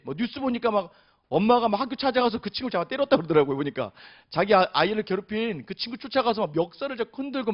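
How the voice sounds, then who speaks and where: A male pastor delivers a sermon in a fairly high, very expressive voice, with his pitch swinging widely. He tells stories with animation and keeps turning to the congregation directly. The recording sounds dull and muffled. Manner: animated storytelling, often addressing the congregation directly. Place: chapel service.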